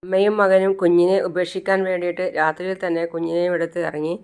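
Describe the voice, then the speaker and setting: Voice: mid-range voice, flat delivery, fairly quick, darkish tone, clean tone. A vlogger casually retelling a TV serial episode, conversational with fillers and restarts.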